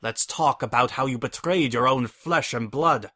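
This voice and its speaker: A man's voice: fairly low pitch, measured pace, sharp tone, dry recording, studio quality. A man voicing an ancient imprisoned monster, bitter and vengeful, in a hammy, theatrical dramatic story reading. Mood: furious, scornful. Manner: hammy, theatrical stage-actor delivery.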